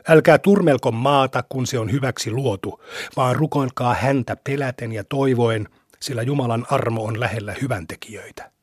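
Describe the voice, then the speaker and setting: Man, scripture reader, husky tone, measured pace, breathy phrase ends, dry close studio sound. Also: medium pitch, dry recording.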